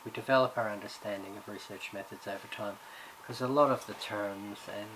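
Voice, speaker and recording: Speaking briskly in a steady tone, a man with a low-leaning voice presents a recorded introduction to a university subject. He was born in Ireland and raised in Australia, and his delivery is hesitant, full of fillers and restarts. Background noise runs underneath.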